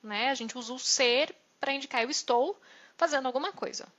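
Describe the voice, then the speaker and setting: A woman's voice: high voice, fairly quick, fairly bright tone. A woman with a Brazilian Portuguese accent teaching German in a live online lesson, explaining step by step and checking in with "né?" and "ok?". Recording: dull lo-fi sound.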